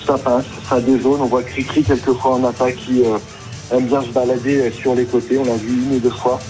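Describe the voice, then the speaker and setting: A man's voice: mid-range voice, level tone, a little fast, over music, poor audio. A man calling in to a radio sports show, talking nervily with many hesitations. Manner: nervy, full of hesitations. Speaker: caller. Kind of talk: radio phone-in chat.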